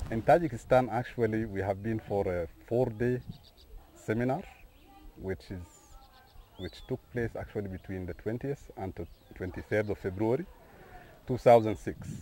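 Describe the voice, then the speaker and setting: A middle-aged man from Sudan, speaking in a lowish voice as a professor answering an interview. He pauses often with fillers and restarts his sentences. There is a faint hiss of noise behind him. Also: mellow. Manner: hesitant, many fillers and restarts. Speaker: assistant professor.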